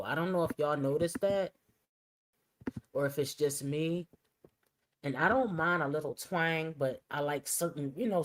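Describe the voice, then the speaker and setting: A woman's voice: rumbling low, slight background noise, poor audio. A woman hosting a casual reaction commentary, chatty and opinionated, muttering asides as she sets up clips. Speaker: commentary channel host.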